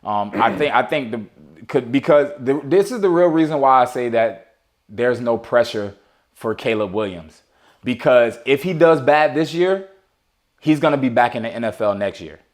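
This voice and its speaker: A man co-hosts a laid-back sports talk show, riffing loosely with many restarts and fillers. He breaks into playful, excited outbursts mid-thought. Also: mid-range voice, normal speed. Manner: animated, talks over his co-host with playful outbursts. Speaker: podcast co-host. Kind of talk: casual sports chat.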